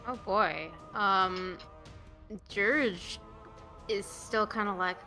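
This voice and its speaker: A woman's voice: medium pitch, very slow, pushed and bright, faint music behind. A woman player thinking aloud hesitantly as she decides her move in a tabletop game. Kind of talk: casual chat during a tabletop game.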